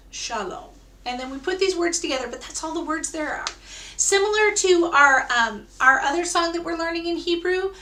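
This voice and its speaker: Bright-voiced woman choir director, echoey room. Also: high-pitched. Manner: encouraging, coaching call-and-response, sings demonstrations. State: voice tiring. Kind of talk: online choir rehearsal, teaching a round by ear. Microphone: video call.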